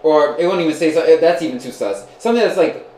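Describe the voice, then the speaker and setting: Young male podcast host, gossipy and joking, higher voice, roomy sound with faint noise. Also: lively intonation, quick pace, a little mellow. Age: 20s. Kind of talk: casual chat.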